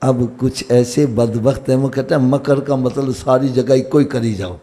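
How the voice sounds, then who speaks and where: Preaching a sermon at a live religious gathering, a man with a Pakistani Punjabi accent keeps a steady tone. He shifts from low explanation to high, shouted exhortation.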